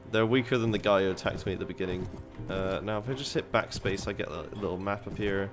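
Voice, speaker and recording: A man's voice: lowish voice, quick pace, over music. A young man giving casual, chatty commentary while playing a game, thinking aloud and swearing casually. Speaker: gaming video host.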